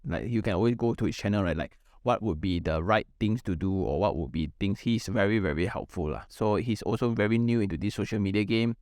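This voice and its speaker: A man's voice: fairly low pitch, a little fast, a little mellow, no room sound. Malaysian man hosting a casual podcast, dry close sound. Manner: colloquial English with local particles and slang. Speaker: podcast host.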